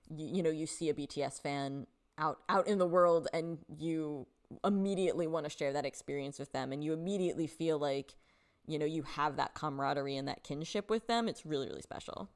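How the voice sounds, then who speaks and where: A young woman hosting a live stream, talking casually with her viewers. Her voice sits fairly low for a woman, and her talk is loose and friendly, full of "um" and "like", with frequent laughs. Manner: chatty, filler-heavy, laughs often, reads chat aloud. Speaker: livestream host.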